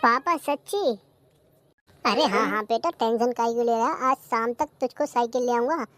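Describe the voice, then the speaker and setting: A woman's voice: fairly high pitch, normal speed, a bit bright, no echo, lightly acted. A woman voicing a stingy, teasing village husband in a cartoon comedy, with a scolding, mock-dramatic manner. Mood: soothing.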